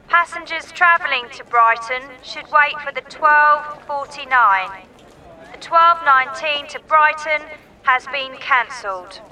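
Lady doing a slow formal train station announcement, high bright voice. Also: rough recording. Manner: slow, formal, clearly spaced. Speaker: recorded announcer for a textbook listening exercise.

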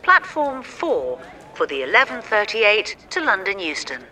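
A woman reading formal train station announcements slowly and clearly for a listening exercise. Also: medium pitch, huge pitch swings, bright, forceful tone, rough recording. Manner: slow, formal, clearly spaced.

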